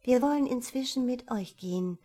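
A woman voicing a courteous, soft-hearted elder sister in a storybook reading. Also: a little high, moderate pace, pitched above the performer's own voice, natural voice. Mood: soothing. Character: gentle, sensible elder sister, tactful.

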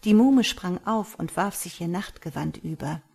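A woman reads a dark fairy tale aloud in a measured, dramatic way. Her voice sits low and sounds somewhat husky and breathy. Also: animated. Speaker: narrator. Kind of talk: storytelling audiobook narration.

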